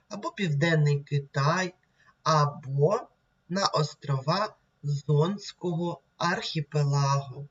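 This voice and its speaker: Slow, deliberate woman teaching young children to read. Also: sits low, breathy edge, highs cut off. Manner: sounds words out slowly and deliberately. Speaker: primary school teacher. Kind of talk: slow, clear reading lesson for young children.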